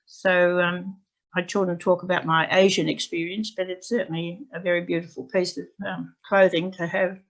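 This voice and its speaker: Over a video call from home, a woman English language teacher presents a classroom anecdote to fellow teachers, chatty and rambling with fillers and restarts. Her lowish voice has a flat delivery at a moderate pace, and the call audio is dull and lo-fi.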